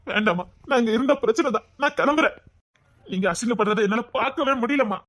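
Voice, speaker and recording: A woman doing a bitter grown son, fast talking, bright voice, begs and accuses. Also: a little high. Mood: pleading. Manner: pleading, accusing. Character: angry, hurt grown son, bitter toward his father. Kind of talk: dubbed serial drama.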